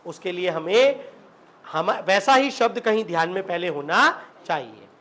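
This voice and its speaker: A man's voice: high voice, lively intonation, a little slow, pushed and bright. A man teaching a classroom lesson on English spelling, asking the students questions and repeating them. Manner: slips into local Rajasthani dialect.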